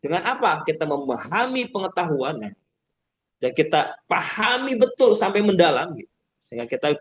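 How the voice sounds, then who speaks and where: A man's voice: fairly high pitch, dull audio. A man giving a casual public speaking webinar, explaining step by step and often ending sentences with a filler. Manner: acts out shouting teachers and chirpy call-and-response. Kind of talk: webinar talk.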